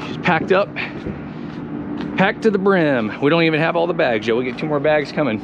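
A man casually narrating his road trip to viewers in a relaxed, chatty way, talking into a handheld camera. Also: fairly high pitch, moderate pace, lo-fi sound. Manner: laid-back, chatty, talks to viewers as "guys". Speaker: travel vlogger. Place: outdoors and in vehicles on a road trip. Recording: outdoor recording with traffic noise.

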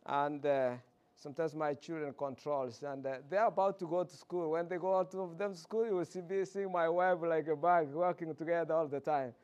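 A man's voice: fairly high pitch, steady tone, moderate pace, darkish tone. A male pastor preaching a sermon in a folksy, chatty way, full of asides and repeated words. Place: church pulpit.

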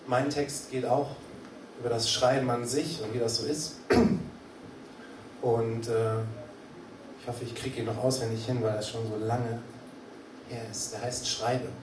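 A man performing a rhymed spoken-word poem at a poetry slam, building to a loud, repeated refrain after a chatty introduction. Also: mid-range voice, fairly even intonation, a little slow, pauses often, roomy sound, distant mic, noisy background. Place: live stage at a poetry slam venue.

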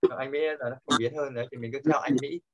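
A man's voice: medium pitch, fairly even intonation, fast, slight background noise. Man teaching online. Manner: patient, corrective, repeats key points. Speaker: English pronunciation teacher. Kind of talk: online class instruction. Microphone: video call. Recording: dull lo-fi call audio.

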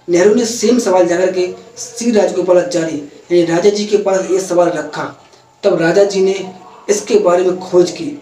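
A young adult male news presenter with a high voice gives an opinionated news explainer to camera, earnest and steady with occasional self-corrections. He's in an indoor room with a parliament backdrop added behind him, recorded by a camera a few feet away with no mic in view. The room is echoey, his voice sounds a bit distant, and there's faint noise.

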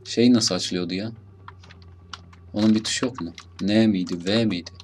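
A young man with a Turkish accent casually commentating his gameplay, muttering, swearing at enemies and bursting out loudly now and then. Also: on the low side, moderate pace, a little hiss or hum. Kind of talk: casual let's play commentary.

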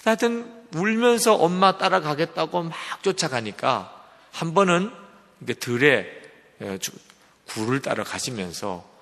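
A male pastor preaching in a gravelly voice that trails off in the long reverb of a large hall. He tells a story in sermon form and keeps asking the listeners questions. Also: a little high, animated, unhurried, fairly bright tone. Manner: storytelling, asks the congregation questions.

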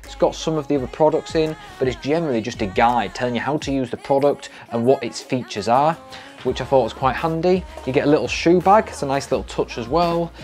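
A man's voice: mid-range voice, brisk, darkish tone, soft background music. A young British man casually reviewing gear to camera in a small room at home. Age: young adult. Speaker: trail running vlogger.

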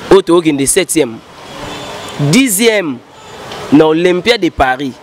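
A man's voice: fairly high pitch, animated, noisy background. A man in his thirties telling rambling stories in an interview, switching between French and Lingala, speaking into a handheld mic outdoors. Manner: gestures broadly, mixes French and Lingala in fast rambling recollection. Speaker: interviewed musician. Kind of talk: animated storytelling interview. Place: outdoor studio set with painted backdrop. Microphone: handheld mic held by interviewer.

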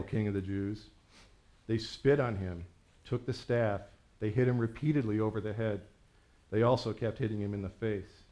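A man reads a long scripture passage at church. His narration is measured and reverent, with a voice of average pitch for a man. The pacing stays steady throughout. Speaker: scripture reader. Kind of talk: scripture reading.

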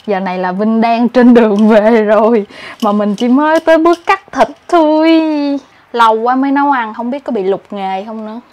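Her voice sits a little high and slightly mellow, moving at a moderate pace as this twenty-something vlogger chats playfully with viewers. The southern Vietnamese speaker is in her small apartment's kitchen and living room, with household noise clearly in the background.

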